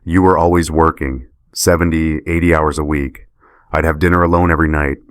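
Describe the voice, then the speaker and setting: A man's voice: extremely low pitch, fairly even intonation, a little fast, no echo, studio quality. A man voicing a guilty, tearful wife who pleads and defends herself, in a story narration. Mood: pleading. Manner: soft, pleading delivery.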